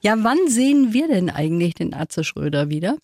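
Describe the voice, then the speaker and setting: A woman's voice: lowish voice, big pitch swings, moderate pace, a little mellow, dry recording. Chatty woman hosting, dry studio sound. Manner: chatty, informal. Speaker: interview host. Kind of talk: casual interview chat.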